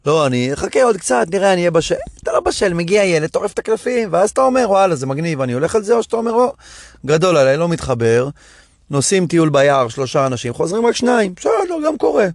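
Guy rambling about his comedy gigs, voice a bit high, dry close sound, acts out the dialogue. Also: no room sound. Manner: animated, chatty, acts out dialogue in quoted voices. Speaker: stand-up comedian and podcast host. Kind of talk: casual storytelling monologue.

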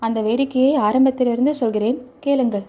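A woman's voice: fairly high pitch, steady tone, quick pace, mellow, lightly acted. A woman voicing a fierce skull-cult hermit woman with a hard, harsh voice in a storybook reading.

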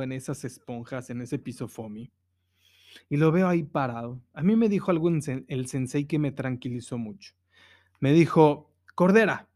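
Male podcast host, earnest storyteller, slightly high pitch. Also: darkish tone. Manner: earnest, storytelling with emphatic repetitions. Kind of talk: spiritual self-help monologue.

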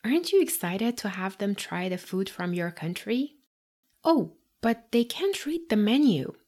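A woman teaching a scripted podcast lesson, addressing the listener directly with guiding questions and pauses. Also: mid-range voice, big pitch swings, darkish tone. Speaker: English teacher and podcast host.

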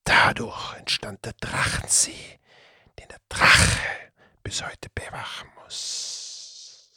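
A man voicing a sly male Tatzelwurm, a cat-headed serpent creature in a told fairy tale, speaking in a slow hissing whisper. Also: bright, forceful tone, no echo, clean studio sound.

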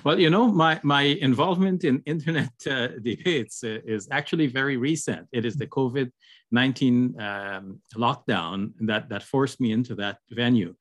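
Older man from Guyana, halting guest on a video call, dry sound. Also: medium pitch, no echo. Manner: hesitant, many fillers and restarts. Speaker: guest, Islamic scholar. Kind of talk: casual interview over video call.

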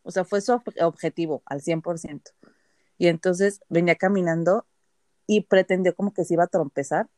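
In a casual chat for the podcast she co-hosts, a Mexican woman tells animated stories loaded with slang and swear words. Her fairly low, mellow voice moves at a normal speed, recorded in studio quality with no room sound.

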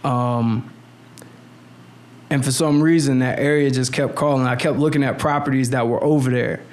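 A man in his thirties, a guest in a casual conversation, rambles in slang, keeps restarting his sentences and often says "you know what I'm saying." His mid-range voice has a darkish tone, fairly even intonation and normal speed.

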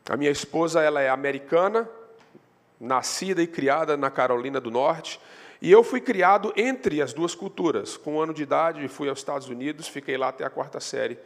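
Brazilian pastor preaching in a reverberant church. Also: male voice, fairly quick. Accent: Brazilian Portuguese. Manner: storytelling, rising in pitch and force when stressing a point. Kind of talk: sermon. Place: church sanctuary. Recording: long hall reverb.

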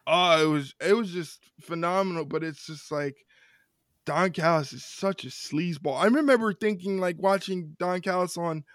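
A man co-hosting a casual wrestling podcast, ranting with lots of repeated words and quick laughs. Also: sits high, fairly bright tone, dry recording, clean studio sound. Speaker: podcast co-host.

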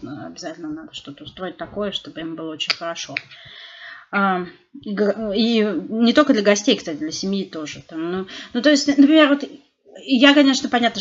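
A woman's voice: medium pitch, muffled recording. A middle-aged woman in casual chat, talking animatedly with lots of fillers and restarts. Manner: chatty, animated storytelling with frequent fillers and restarts.

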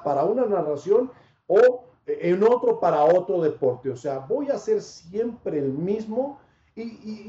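A man's voice: high voice, mellow. A man from Panama, a sports commentator, chatting reflectively in an interview and laughing often. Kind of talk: casual interview chat. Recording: dull lo-fi sound in an echoey room.

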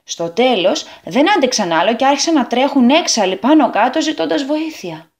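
Female storyteller for kids' radio, animated and expressive, lively pitch. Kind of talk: children's story reading.

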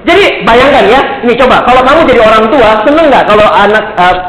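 A man giving a humorous youth sermon, telling stories in a lively way, teasing his listeners and asking rhetorical questions. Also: very high voice, brisk. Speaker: youth speaker. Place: large hall. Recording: echoey hall, faint background hum.

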